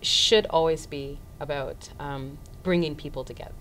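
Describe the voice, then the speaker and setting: A woman from Florida with a Haitian family, a stage actor talking casually in an interview and pausing often with many ums. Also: low voice, fairly bright tone, rough recording. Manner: hesitant, many ums, idealistic.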